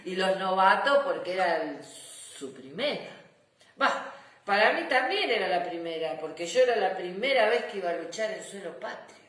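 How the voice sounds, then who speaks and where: A woman voicing a proud, affectionate old grandfather general who tells war memories in a deliberate, dramatic storybook manner. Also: mid-range voice, lively intonation, a bit bright, close to an everyday voice. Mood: suspenseful, proud. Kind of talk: children's storybook narration. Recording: echoey room.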